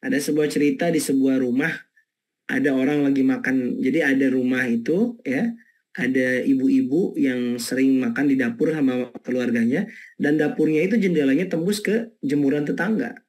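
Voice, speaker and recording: Brief: husky-voiced Indonesian male preacher, lively storytelling sermon. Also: medium pitch, moderate pace. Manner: lively, storytelling, rhetorical questions. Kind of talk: sermon webinar talk.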